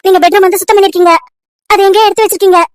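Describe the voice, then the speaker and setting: A woman's voice: very high-pitched, little pitch movement, very fast, darkish tone, dry recording, studio quality. A woman voicing a young married woman in a cartoon story, anxious and pleading, repeating her questions over and over. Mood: distressed.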